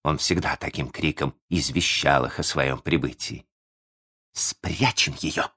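A man narrating a children's story in an expressive, animated audiobook reading. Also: very deep voice. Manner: animated storytelling, slow and deliberate.

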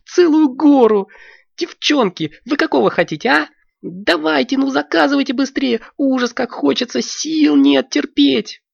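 Alyonka, a squealing, excitable girl. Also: unhurried, vocal fry, no echo, dull audio, exaggerated voice. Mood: eager. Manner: shrill, gushing, always hurrying others. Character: excitable, impatient young girl wizard.

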